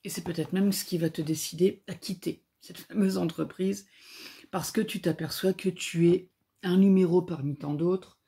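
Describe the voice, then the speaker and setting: Brief: female comic reviewer, low-ish mellow voice, unhurried, hesitant delivery with lots of pauses. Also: fairly even intonation, gravelly. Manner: hesitant, searching for words. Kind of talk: casual spoken book review.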